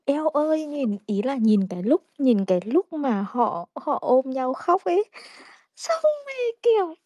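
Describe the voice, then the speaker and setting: A woman's voice: sits high, very animated, a little slow, dark tone, dry recording. A woman, chatting casually in a crude, self-mocking, rambling way full of restarts. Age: 30s. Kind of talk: casual chat.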